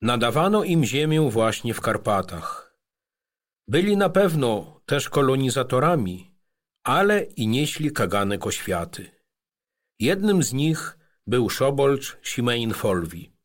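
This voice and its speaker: A man reads a family memoir as scripted narration. His delivery is measured and even, and his voice sits in an ordinary middle register. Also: medium pitch. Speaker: audiobook narrator.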